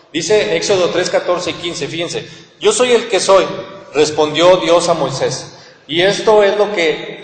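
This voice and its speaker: Mexican pastor preaching in an echoey hall. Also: male voice, on the high side. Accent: Mexican Spanish. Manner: earnest, keeps calling on listeners with rhetorical questions. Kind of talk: sermon. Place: church hall. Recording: echoey church hall with long reverb.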